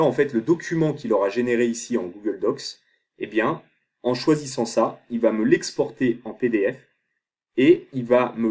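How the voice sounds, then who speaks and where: A man explaining a software tutorial step by step, thinking aloud as he clicks through screens. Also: mid-range voice. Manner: thinks aloud while clicking, many fillers. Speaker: online tutor.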